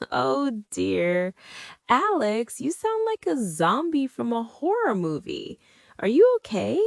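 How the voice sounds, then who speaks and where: A woman hosting a scripted English lesson, encouraging and spelling words out clearly for learners. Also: on the high side, wildly swooping pitch, slow pace, no room sound. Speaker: English teacher host. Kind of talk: scripted teaching dialogue.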